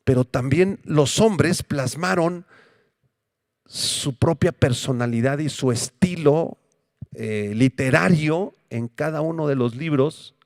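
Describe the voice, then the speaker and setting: A man preaching a Bible-teaching sermon as pastor, asking rhetorical questions and answering them himself, and slowing down to repeat key words. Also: a little high, no room sound, clean studio sound. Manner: emphatic, repeats key words slowly for note-taking.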